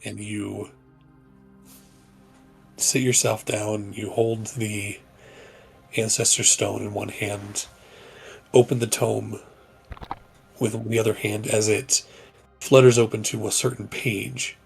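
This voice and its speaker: Slow, gravelly-voiced man narrating a game. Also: on the low side, flat delivery, faint music behind. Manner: slow, measured descriptive narration. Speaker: game master.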